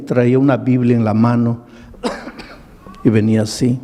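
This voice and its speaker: A male pastor telling a story in a sermon, dramatic and leaping up in pitch for emphasis. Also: gravelly, warm tone, breathy edge. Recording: long reverb of a large hall.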